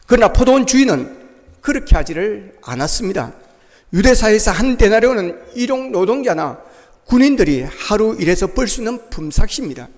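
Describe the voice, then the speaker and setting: A man's voice: sits high, big-room sound. A male pastor preaching a sermon in a church, making his points with emphatic rhetorical questions.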